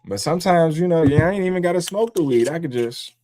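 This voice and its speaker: A man who was born in upstate New York and raised in the DC area, hosting a casual livestream talk. He is loose and profane, and he mocks other people in high squealing voices. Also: animated, fast, mellow, slight background noise. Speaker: livestream host. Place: home in Columbus, Ohio.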